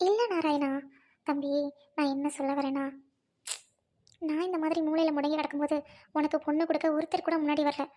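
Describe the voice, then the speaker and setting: A woman playing a gentle, grieving widowed elder sister who speaks softly and pleads with her younger brother. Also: sits high, flat delivery, brisk, pauses often, natural voice. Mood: worried.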